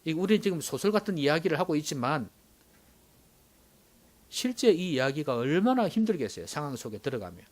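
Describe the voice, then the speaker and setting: A male pastor delivers a sermon with a fairly high, very animated voice. He rises to loud, urgent exclamations and then drops suddenly into hushed whispers for effect. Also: a little fast, long pauses.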